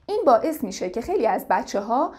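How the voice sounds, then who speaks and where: A woman giving informal spoken advice to parents as an educator, in a calm and patient way. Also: fairly high pitch.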